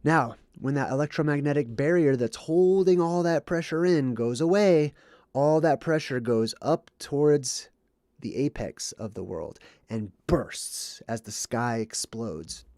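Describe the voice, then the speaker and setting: Speaking animatedly at a measured pace, the man has a mid-range, darkish voice captured in clean studio sound with no echo. He hosts a livestream, giving explanations and reading chat while a bit congested and under the weather, peppered with "okay" or "right."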